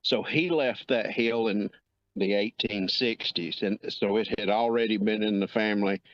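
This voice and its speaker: Low-voiced man in a dry field interview. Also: no echo. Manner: plain, unhurried storytelling with fillers. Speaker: interviewee, local resident. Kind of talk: casual recollection in interview. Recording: dull, dry field recording.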